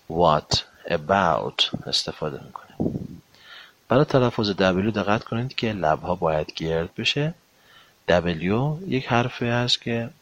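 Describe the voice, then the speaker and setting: A man teaching a language lesson, drawing out English example phrases slowly between brisker explanations. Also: low voice, a bit bright, no room sound. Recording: dull lo-fi recording.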